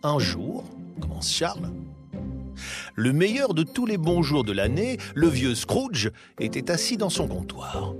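Expressive male storyteller. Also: fairly high pitch, measured pace, few pauses, loud music behind the voice. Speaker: narrator. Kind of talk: scripted story narration.

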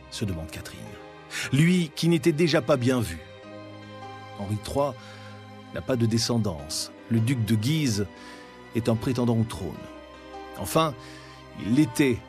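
A man giving scripted documentary narration in a measured, dramatic storytelling manner with pauses. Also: medium pitch, lively intonation. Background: faint background music.

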